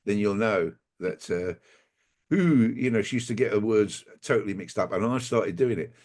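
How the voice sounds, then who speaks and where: Brief: male guest, slightly low pitch, halting and wry, remote call. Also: a little mellow. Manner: halting, wry anecdotal storyteller. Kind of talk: conversational interview.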